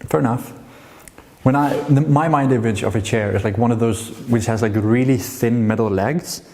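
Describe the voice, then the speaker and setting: A man's voice: medium pitch, moderate pace, darkish tone. A young man giving a chatty, informal amateur lecture, talking directly to his listeners. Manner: chatty, addresses audience directly. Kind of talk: informal lecture to a small audience. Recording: long hall reverb.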